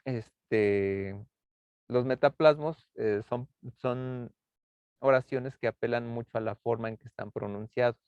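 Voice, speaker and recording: A man lecturing a class on rhetorical figures, halting often with fillers and tag questions. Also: medium pitch, darkish tone, clear, resonant tone, dry recording. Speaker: university lecturer. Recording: tinny phone-like online class audio.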